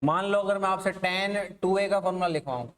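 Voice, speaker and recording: High-voiced male maths teacher lecturing. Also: a little fast, a bit bright. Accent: Rajasthani Hindi. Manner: asks the class questions and answers them himself. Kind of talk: classroom lecture.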